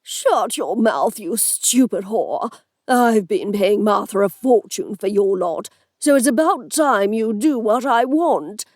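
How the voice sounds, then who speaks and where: A woman voicing a drunk, cruel male lord who rasps and slurs his words slowly. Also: mid-range voice, mellow, no room sound, clean studio sound. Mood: snarling. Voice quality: rasping. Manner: slow, snarling.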